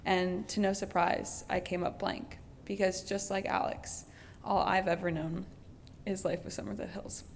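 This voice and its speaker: A woman's voice: mid-range voice, level tone, moderate pace, creaky, a little hiss or hum. Young woman speaking in a reverberant hall. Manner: light, with filler "um"s. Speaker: graduate's sister giving a speech. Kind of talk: prepared family speech at a graduation. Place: event hall.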